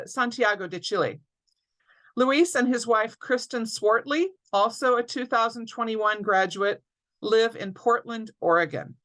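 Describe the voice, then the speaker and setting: Host, female; crisp bright voice, runs through housekeeping before the interview on a video call. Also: fairly high pitch, rough recording. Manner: clear, orderly housekeeping announcements. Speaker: alumni director, interview host. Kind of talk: scripted webinar introduction. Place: home or office, online webinar.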